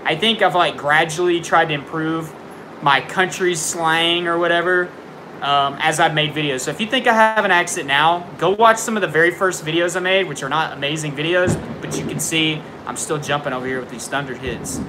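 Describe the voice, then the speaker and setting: On a low-quality recording with slight background noise, a young man speaks briskly in a high-leaning, sharp-toned voice. He's hosting a casual livestream from home, answering viewers with frank tough-love advice and lots of fillers. Seated near a window as a storm passes, he's jumpy and startled by thunder.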